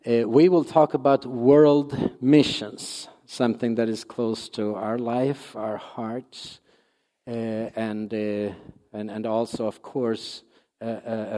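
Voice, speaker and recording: A man in his sixties speaks English with a Swedish accent, his voice sitting at a middle pitch. He addresses a church as a visiting missionary, earnest and halting, often stopping to restart a thought. His words ring out with the long reverb of a big sanctuary. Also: fairly even intonation, dark tone. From Sweden. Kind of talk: church talk. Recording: long reverb of a large hall.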